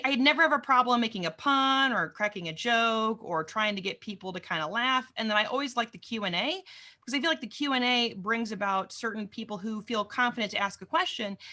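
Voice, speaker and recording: Fast-talking bright woman guest. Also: fairly high pitch. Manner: talkative, jokey, enthusiastic. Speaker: podcast guest, cloud advocate. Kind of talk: conversational interview.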